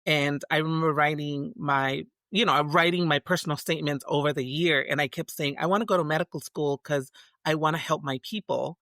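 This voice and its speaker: A woman's voice: low-pitched, fairly even intonation, brisk, a bit bright, no echo. Reflective Tongan-born woman, dry sound. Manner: reflective, many restarts and fillers. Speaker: guest. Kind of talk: casual interview conversation.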